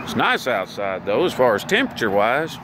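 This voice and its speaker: A man's voice: medium pitch, sing-song, brisk, very noisy. A man, chatting casually in a rambling, folksy vlog about vaping gear. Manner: folksy, easygoing drawl with fillers. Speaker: vaping vlogger.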